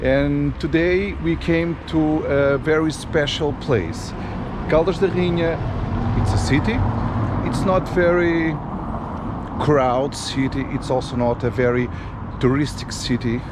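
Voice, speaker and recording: A man's voice: a little high, fairly even intonation. Guy filming a walking tour outside, lots of uhs and ums, street noise going on behind him. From Portugal. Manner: unhurried, many fillers and restarts. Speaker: travel vlogger. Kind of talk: casual walking tour vlog. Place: outdoors on city streets.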